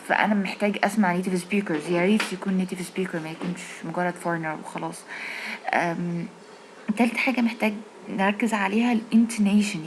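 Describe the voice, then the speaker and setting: Egyptian woman, English teacher, low-ish voice, slow drawn-out example phrases, faint noise. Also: poor audio. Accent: Egyptian Arabic. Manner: explains slowly, repeats English phrases drawn out. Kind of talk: casual video lesson.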